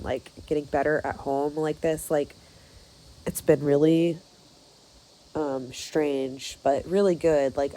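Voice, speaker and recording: A woman in her thirties, losing her voice, talking haltingly with many fillers in a personal vlog. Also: deep voice, darkish tone, low-quality recording. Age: 30s. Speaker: vlogger.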